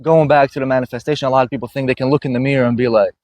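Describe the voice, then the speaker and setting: A man's voice: mid-range voice, fairly even intonation, racing, a little mellow, no echo. Earnest man, motivational podcast host. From Iraq. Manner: earnest, repeats "you know what I mean". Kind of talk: casual motivational conversation. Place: gym.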